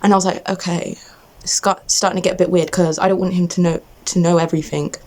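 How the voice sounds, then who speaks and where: A woman's voice: lowish voice, level tone, fast talker, a little mellow. A young adult woman in an agitated, exasperated rant to camera, venting off the cuff in a casual way and often cutting herself off. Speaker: vlogger.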